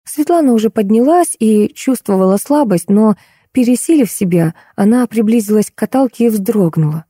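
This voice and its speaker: A woman reading an audiobook aloud in an even, measured storytelling manner. Her voice is mellow and warm, and the sound is dry and close. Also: medium pitch, slightly rough, no room sound. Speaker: audiobook narrator. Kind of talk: scripted audiobook narration.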